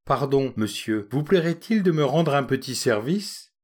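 A man's voice: medium pitch, expressive, a little slow, darkish tone. Man reading as a polite eager schoolboy. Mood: polite asking. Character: polite scheming young schoolboy asking a favor.

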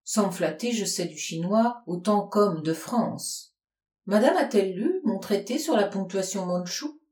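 A man's voice: high voice, animated, a little slow, a little mellow. Lady reading as a fussy vain old professor guy, flustered and puffed up, echoey room. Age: older. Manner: flustered and self-important. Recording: roomy echo.

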